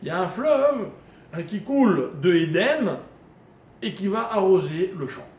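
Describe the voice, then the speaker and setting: A man's voice: sits high, expressive, a little slow, darkish tone. A man teaching a live Torah lesson, explaining Hebrew grammar step by step and quizzing his listeners. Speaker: rabbi teaching a Torah class. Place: room with a small live audience. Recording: echoey room recording with faint noise.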